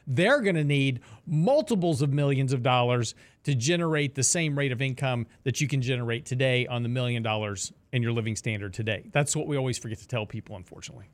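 A middle-aged man hosting a casual financial talk show, explaining with rhetorical questions and asides. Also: mid-range voice. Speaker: radio show host.

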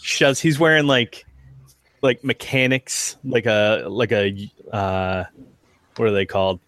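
A man's voice: fairly low pitch, fairly even intonation, slow, a bit bright, no echo. A man playing a tabletop role-playing game, casually improvising what his character says and does.

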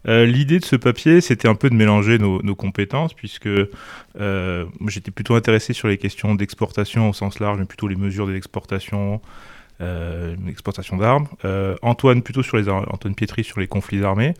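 A man speaks as a guest researcher in a fairly low voice, explaining his work with pauses and fillers. The sound is dry and close. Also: a little mellow, dry recording. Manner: hesitant, with fillers and restarts. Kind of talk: conversational interview.

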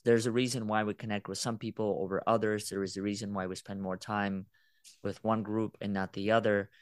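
A man hosting a podcast interview, speaking in a measured, reflective way. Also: lowish voice, level tone, clean tone, no echo. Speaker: podcast host. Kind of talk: casual interview talk.

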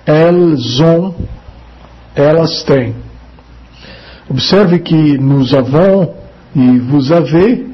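A man teaching a French lesson to Portuguese speakers, saying each word twice, then translating it, with many fillers. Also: a little high. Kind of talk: slow language lesson drills. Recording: dull lo-fi recording.

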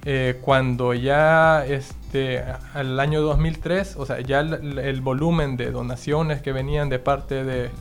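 Halting man, mid pitch. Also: steady tone, soft background music. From El Salvador. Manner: halting, repeats words. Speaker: foundation representative. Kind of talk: radio interview answers.

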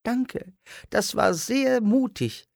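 A man's voice: high voice, lively intonation, takes it slowly, creaky, no echo, clean studio sound, voice pushed up, full character voice. A man voicing a small, homesick forest gnome puppet who pleads in a trembling little voice. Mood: grateful. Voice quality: small shaky voice.

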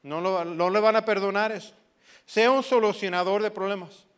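A man with a fairly high voice delivers a sermon from the pulpit. He keeps asking his listeners pointed rhetorical questions and briefly acts out everyday voices. He switches into English words now and then. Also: fairly even intonation, moderate pace, fairly bright tone, smooth. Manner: emphatic preaching with rhetorical questions; slips into English phrases. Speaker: pastor.

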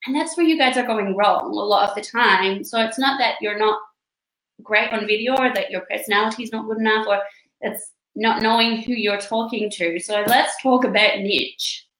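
A woman hosting a casual podcast chat, upbeat and quick to agree, acting out quotes as she talks. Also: medium pitch, fairly bright tone. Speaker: podcast host. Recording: roomy echo.

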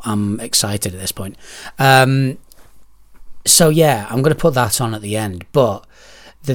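Low-voiced, rambling man hosting a solo podcast. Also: no room sound. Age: 30s. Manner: hesitant, rambling, self-deprecating, swears freely. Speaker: podcast host. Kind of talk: casual solo podcast chat. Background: clicking of discs being handled.

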